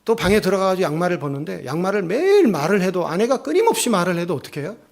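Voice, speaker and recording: A man's voice: high voice, big pitch swings, very fast, creaky, a little mellow. A male pastor giving a sermon, telling a family story and acting out its voices. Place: church.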